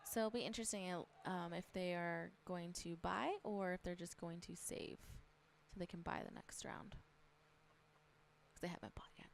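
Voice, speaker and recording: A woman's voice: lowish voice, steady tone, moderate pace, creaky, slight background noise. Easygoing woman co-casting esports. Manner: easygoing, chatty, laughs often, uses fillers. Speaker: esports co-caster. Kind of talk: live color commentary.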